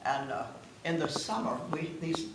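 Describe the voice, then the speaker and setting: Reminiscing as guest of honour, a South Carolina woman in her nineties shares old stories with family in a relaxed Southern American accent. She speaks at normal speed in a low, animated voice. Captured in a room at a family gathering, the audio has echo, a distant mic and clear noise.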